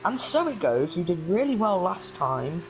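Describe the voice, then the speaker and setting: A man with a fairly high voice chats through a race as co-commentator, repeating words and trading banter. Faint game noise sits behind him. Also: very animated, moderate pace, low-quality recording. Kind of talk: casual live race commentary.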